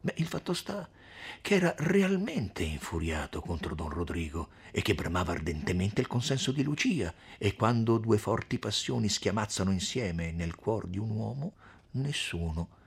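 Slow, gravelly, very husky male narrator. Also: lowish voice, very animated. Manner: slow, measured, deliberate reading. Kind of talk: audiobook reading of a classic novel.

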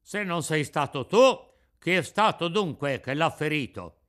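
A man's voice: fairly high pitch, expressive, unhurried, fairly bright tone. A man voicing stern military policemen who give curt, commanding orders in a dramatic radio reading.

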